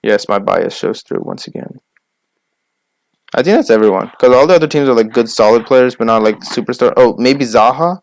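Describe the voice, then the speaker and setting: A young man co-hosting a casual sports podcast, listing names quickly and arguing his picks. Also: medium pitch, gravelly, no room sound. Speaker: podcast co-host.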